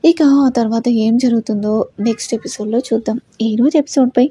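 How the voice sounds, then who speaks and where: A woman narrating an episode of a serialized love story in a steady, even storytelling manner. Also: fairly high pitch, a little fast, breathy edge, no echo, studio quality.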